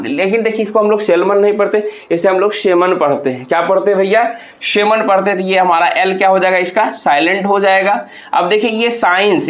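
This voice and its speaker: A man's voice: sits high, roomy sound. A male teacher going through exam answers step by step, asking rhetorical questions as he explains. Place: hot room with a towel in use.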